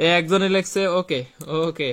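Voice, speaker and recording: High-pitched young man teaching physics. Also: moderate pace, a bit bright. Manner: repetitive, asks students questions and reads their answers; colloquial, chatty, tells classroom anecdotes. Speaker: physics tutor. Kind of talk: live online class.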